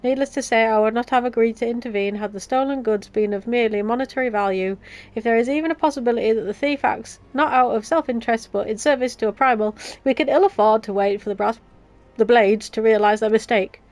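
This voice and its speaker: A woman's voice: a little high, fast talker, a little mellow, natural voice. A woman voicing an earnest, wordy noblewoman leader, reading formal fantasy game dialogue. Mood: grave. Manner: formal, long-winded. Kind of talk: video game dialogue read aloud.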